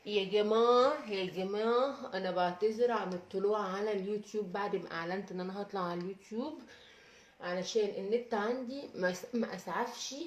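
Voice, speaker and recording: A woman's voice: medium pitch, reverberant. A woman with an Egyptian Arabic accent hosting a casual live stream, in pain from a toothache, moaning and complaining wearily. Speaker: livestream host.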